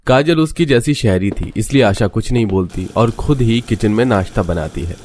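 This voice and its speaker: Low-voiced male cartoon narrator. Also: animated, normal speed, a little mellow, faint music behind. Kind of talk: scripted storybook narration.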